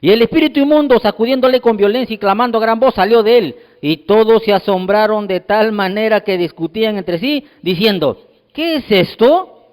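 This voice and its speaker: Man, preacher, very high-pitched voice, emphatic sermon, praise refrains, long hall reverb. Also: a little fast, hardly any pauses. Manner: emphatic, repeats praise refrains between points; reads scripture passages aloud.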